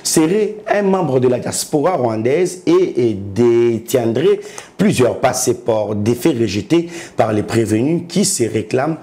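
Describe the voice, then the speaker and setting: Mellow-voiced man anchoring the news. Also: medium pitch, lively intonation, a little slow. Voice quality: formal, announcing. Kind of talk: scripted news reading.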